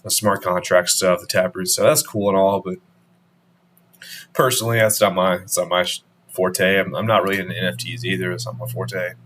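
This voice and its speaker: A man hosting a crypto channel in casual market commentary, rambling and restarting his sentences, his voice going hoarse. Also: deep voice, little pitch movement, a little fast, a bit bright, slight background noise. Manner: rambling, restarts often, trailing off.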